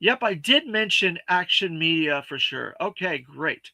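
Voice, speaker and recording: Guy hosting a toy stream, pretty high voice, lots of uh and um, dry sound. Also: expressive, vocal fry, bright, forceful tone, no echo. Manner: halting, lots of uh and um fillers; friendly and earnest, thanks viewers often. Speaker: toy review show host. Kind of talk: casual livestream chat reading viewer comments.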